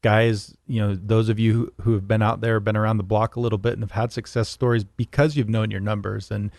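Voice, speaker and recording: A man's voice: on the low side, little pitch movement, fairly quick, gravelly, darkish tone, dry recording. A man in his forties co-hosting a podcast, chatting casually and often repeating words as he starts his sentences. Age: 40s. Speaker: podcast co-host. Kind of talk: casual chat.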